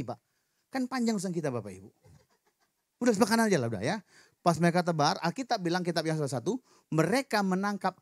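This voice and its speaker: A man preaching a sermon in a church, lively and joking with the congregation. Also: high-pitched, no echo, studio quality. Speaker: pastor. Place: church hall.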